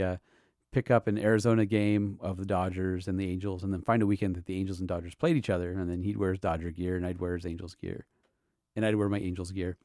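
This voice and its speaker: A middle-aged man and podcast host, from Southern California, sharing fond, halting memories in a personal tribute, with soft laughs between thoughts. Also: lowish voice, no room sound, clean studio sound. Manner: halting, tender, fond laughs while reminiscing. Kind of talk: personal tribute, emotional storytelling.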